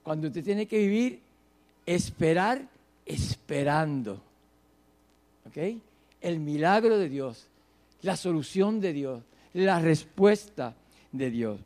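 A man preaching a sermon, swinging between soft, low phrases and loud, drawn-out emphasis. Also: animated.

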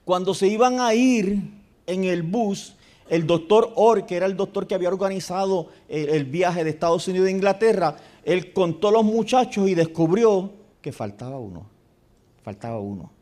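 A man preaching a sermon in a church, telling a story and dropping to a hushed voice for repeated prayers. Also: high voice, lively intonation, normal speed. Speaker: pastor.

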